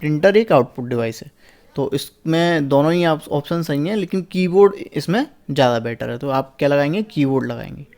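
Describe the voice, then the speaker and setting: A young male teacher with a fairly high voice leads a lesson on a past exam paper. He asks each question himself and then answers it. He slows right down to read the English lines word by word. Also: lively intonation, a little mellow.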